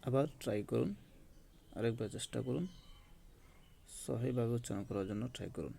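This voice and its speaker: A man teaching Quran recitation in a slow, patient lesson, drawing out each demonstrated letter. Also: mid-range voice, creaky, mellow, a little hiss or hum.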